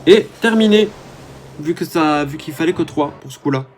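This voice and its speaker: A man's voice: on the high side, expressive, normal speed, a little hiss or hum. A man giving casual, rambling commentary over his own gameplay, talking to his viewers with many hesitant fillers. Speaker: gaming YouTuber.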